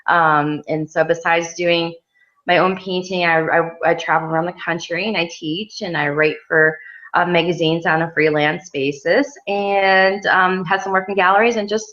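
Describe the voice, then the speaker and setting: Woman guest, chatty and filler-heavy, lowish voice, muffled recording. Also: steady tone, normal speed, fairly bright tone. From Western New York. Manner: chatty, many ums, laughs easily. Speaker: mixed media artist, guest. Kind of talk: casual interview chat. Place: outdoor art studio. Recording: dull lo-fi sound.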